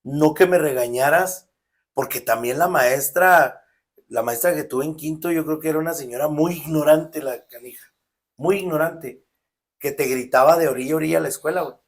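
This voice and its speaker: Slangy Mexican man telling a story. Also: normal speed. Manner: emphatic storytelling, slangy, drops pitch for asides. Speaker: podcast co-host. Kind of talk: casual podcast conversation.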